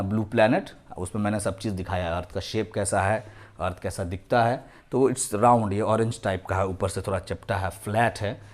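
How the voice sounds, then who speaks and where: A man teaching a children's geography lesson, mixing Hindi with English terms and slowly repeating names to drill pronunciation. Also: medium pitch. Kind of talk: classroom lesson for young children.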